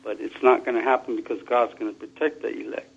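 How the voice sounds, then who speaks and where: Heard through a muffled, lo-fi phone line, a man calling a talk show speaks quickly in a low, creaky, husky voice with little pitch movement. He is earnest, restarting short phrases while pressing his argument.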